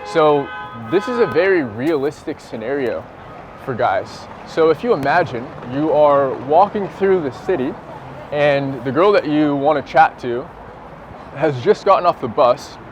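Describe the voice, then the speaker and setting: A San Francisco man in his twenties with an American accent presents himself as a dating coach, chatting casually on the street and talking to camera on a busy London street, with traffic noise behind. His voice is a little high, with lively intonation and a measured pace.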